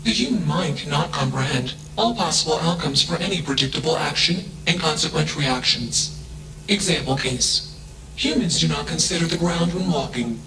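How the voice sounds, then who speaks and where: A man's voice: on the high side, natural voice. An actor voicing an emotionless male ship AI that speaks in clipped, detached statements, each announced by a label word. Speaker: hostile ship AI. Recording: echoey with background noise.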